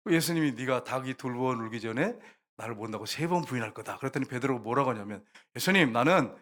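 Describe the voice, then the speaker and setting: A man's voice: mid-range voice, a bit bright. A male pastor preaching a sermon, telling a story vividly, acting out voices and rooster crows, and often speaking straight to the congregation. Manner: often addresses the congregation directly.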